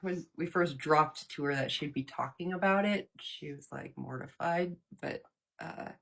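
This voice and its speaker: A woman's voice: low voice, measured pace, gravelly, a bit bright, heavily acted. A woman channeling the male god Apollo in a live interview, talking in a loose, jokey way with laughs between phrases. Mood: reflective. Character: playful trickster sun god Apollo, male, cheerful and upbeat.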